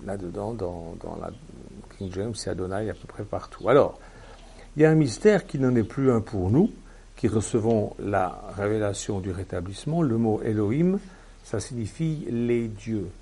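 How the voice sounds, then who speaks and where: A man's voice: on the low side, animated, normal speed, mellow, breathy edge. A man preaching a sermon in a teaching manner, with emphatic bursts and frequent fillers.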